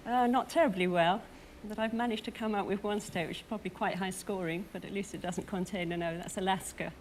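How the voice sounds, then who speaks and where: Older woman, mid-pitched voice. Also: steady tone, fairly quick, slight background noise. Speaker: quiz show contestant. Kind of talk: answering a TV quiz host.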